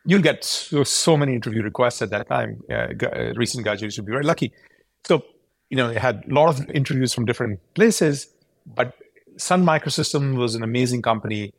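A man's voice: medium pitch, animated, fairly quick, dry recording. Give me an earnest man explaining. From Pakistan. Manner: earnest, explanatory, with frequent restarts. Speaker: tech company founder, guest. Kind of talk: podcast interview answers.

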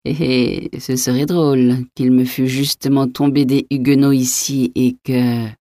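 A woman's voice: very deep voice, little pitch movement, measured pace, warm tone, dry recording, clean studio sound. A woman voicing an impertinent, phlegmatic male innkeeper who mocks his guests, in an audiobook reading. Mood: mocking. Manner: cool, mocking insolence.

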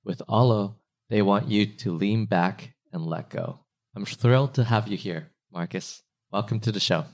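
A man's voice: fairly low pitch, moderate pace. A man hosting a podcast, asking friendly, curious questions. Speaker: podcast host. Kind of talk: podcast interview.

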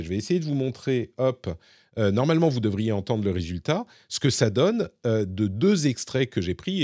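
A man's voice: lowish voice, darkish tone, no echo, clean studio sound. A man hosting a tech podcast, explaining things in casual chat with a few fillers. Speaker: podcast host.

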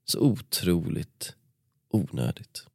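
Low-voiced male podcast host. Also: big pitch swings, gravelly, darkish tone, no echo, soft background music. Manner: storytelling, reads with dramatic pacing. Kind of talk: casual chat and reading a book passage aloud. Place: podcast studio. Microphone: studio microphone.

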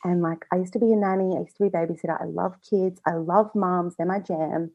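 A woman's voice: lowish voice, steady tone, quick pace, darkish tone. A woman guest on a podcast, talking in a casual, chatty way, with many fillers, and often quoting her own thoughts. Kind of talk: casual personal interview. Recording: slightly dull lo-fi audio.

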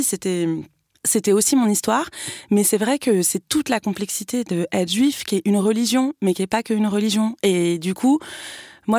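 A woman's voice: on the low side, a little mellow, no room sound, clean studio sound. A young woman from France talking candidly at length, with many fillers. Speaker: guest. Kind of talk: casual conversation.

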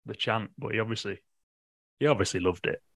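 A man co-hosting a football podcast, chatting with brief replies and quick asides. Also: fairly low pitch, fairly bright tone, husky, no echo. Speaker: podcast co-host. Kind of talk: casual football podcast chat. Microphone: podcast microphone.

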